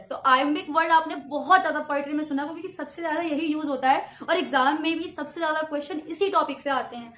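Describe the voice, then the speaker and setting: High-voiced woman teaching poetry in an echoey room. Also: a bit bright. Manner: explains patiently, repeats key terms and checks understanding. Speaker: literature teacher. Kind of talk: exam-prep lesson in Hindi-English mix.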